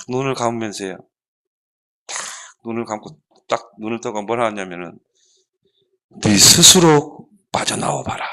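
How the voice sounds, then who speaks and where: A man preaching a children's sermon, animated and asking the children rhetorical questions. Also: sits high, a little hiss or hum. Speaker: pastor.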